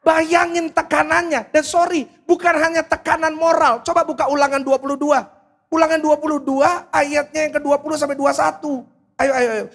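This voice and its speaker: A pastor preaching a humorous, storytelling sermon to a large church congregation, speaking directly to the listeners. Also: male voice, extremely high pitch, flat delivery, moderate pace, a bit bright.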